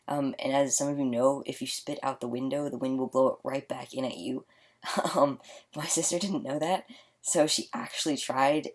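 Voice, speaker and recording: A young man in his late teens, tired and mumbling quietly in a casual video diary recorded in a small attic closet. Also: medium pitch. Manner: mumbling, quiet to avoid waking others. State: tired, yawning. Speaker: vlogger.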